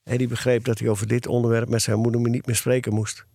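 A man's voice: mid-range voice, level tone, quick pace, creaky, dark tone, no room sound, studio quality. Man reading a children's story aloud. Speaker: narrator. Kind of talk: audiobook storytelling.

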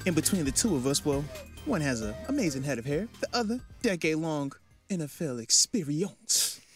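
A man hosting sports radio, opening the show like a showman ringmaster with drawn-out, hyped greetings. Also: on the high side, sing-song. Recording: music playing behind the voice.

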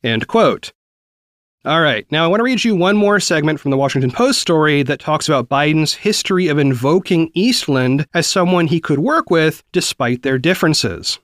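Man, 40s, from the South, news host, animated delivery, dry close mic. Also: on the high side, normal speed, dry recording. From American South. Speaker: podcast host. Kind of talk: news commentary.

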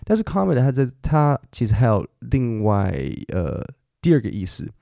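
A man's voice: mid-range voice, sing-song, moderate pace, creaky, dark tone, dry recording, clean studio sound. A middle-aged man, hosting a podcast English lesson and explaining patiently with fillers and self-corrections. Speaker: English teacher and podcast host.

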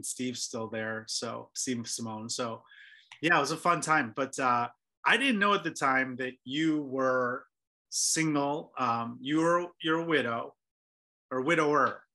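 A man's voice: medium pitch, bright, forceful tone. A man in his forties hosting a podcast, asking questions in a rambling, loose, chatty way. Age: 40s. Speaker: podcast host. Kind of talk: casual podcast interview.

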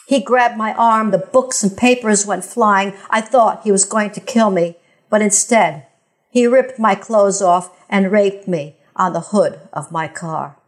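An older woman reading a scripted first-person account in a plain, composed storytelling manner. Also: mid-range voice.

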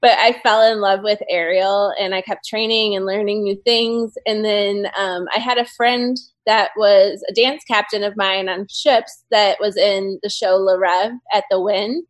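A woman's voice: medium pitch, steady tone, a little slow, hardly any pauses. A woman from the American Midwest, a dancer and aerialist, telling her story with enthusiasm in a casual interview over a video call. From United States Midwest. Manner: enthusiastic storyteller, acts out her own past thoughts.

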